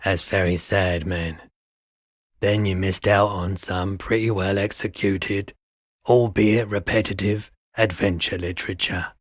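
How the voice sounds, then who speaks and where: A male actor voices a weary, mild-mannered pawnshop owner past his youth in video game dialogue, speaking in an unhurried, low-key, dryly polite way. His mood is dry and calm, his intonation fairly even, and the studio recording is clean with no room sound.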